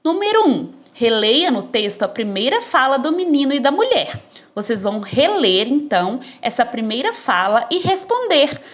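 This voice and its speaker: A woman teacher, explaining textbook exercises to children in a slow, patient way, recorded on a phone. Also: high-pitched, very animated.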